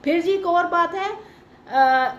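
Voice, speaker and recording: High-voiced woman teaching Quran commentary. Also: reverberant, muffled recording, slight background noise. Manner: explains patiently, mixing in English terms and reciting Arabic verses; asks the class questions and waits for answers.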